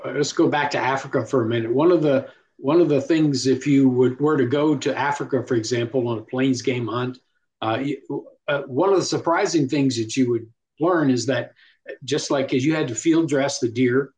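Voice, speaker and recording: A man interviewing a guest in a relaxed conversation, thinking aloud with frequent pauses and fillers. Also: medium pitch. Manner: thoughtful, hesitant, many uhs while steering the talk.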